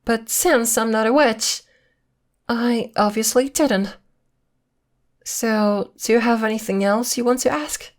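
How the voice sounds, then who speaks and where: Slow, with frequent pauses and a fairly even intonation, a woman with a fairly high voice performs an ASMR roleplay as a secretly witchy girlfriend. She is affectionate and possessive, coy and teasing, her sweet tone hiding veiled threats and a sugary menace.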